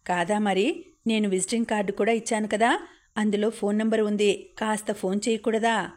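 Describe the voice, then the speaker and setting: A woman voicing a kindly, grateful older gentleman who speaks gently, in an audiobook reading. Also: medium pitch, little pitch movement, moderate pace, close to an everyday voice. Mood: gentle concerned.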